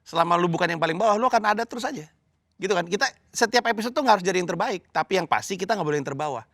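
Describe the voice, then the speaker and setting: A man's voice: sits high, animated, racing, fairly bright tone, dry recording, studio quality. A man, a comedy judge giving direct, coaching feedback to a comedian.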